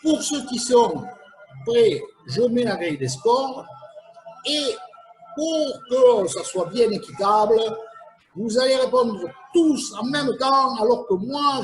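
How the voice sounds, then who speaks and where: A man's voice: high-pitched, rough recording. A man hosting a casual quiz game, playful and teasing, chuckling at his own riddles. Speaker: host of a live quiz game.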